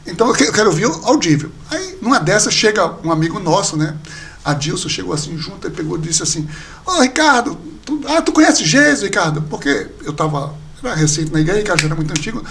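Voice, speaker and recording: A man, a pastor and podcast guest, telling a personal story in casual conversation, lively and acting out the people he quotes. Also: a little high, fast, gravelly, a little hiss or hum. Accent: Brazilian Portuguese. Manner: animated storyteller, acts out quoted dialogue.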